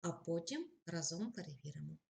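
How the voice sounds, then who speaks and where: A woman teacher with a somewhat low voice walks pupils through grammar rules in a recorded lesson. She speaks directly to them with polite requests, then slows down to read example lines with feeling. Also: very animated, gravelly, darkish tone.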